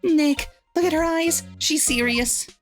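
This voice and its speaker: A woman voicing an excitable, easily offended young female sidekick in an amateur video game read-through. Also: high-pitched, a little slow, soft background music, voice pushed up. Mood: eager. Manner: eager, exclamatory.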